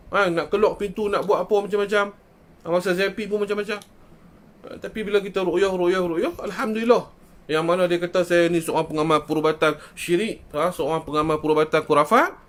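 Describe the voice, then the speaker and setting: A man with a northern Malaysian accent, a traditional Islamic healer talking to viewers on a live stream. He keeps asking rhetorical questions and addresses his listeners directly. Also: fairly high pitch. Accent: northern Malaysian Malay (Kedah).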